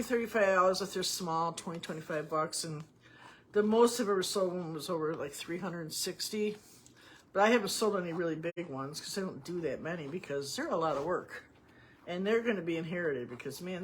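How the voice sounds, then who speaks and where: A woman's voice: fairly low pitch, a bit bright, slight background noise. Chatty woman teaching painting. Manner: rambling, chatty, folksy, with asides and restarts. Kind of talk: casual painting tutorial.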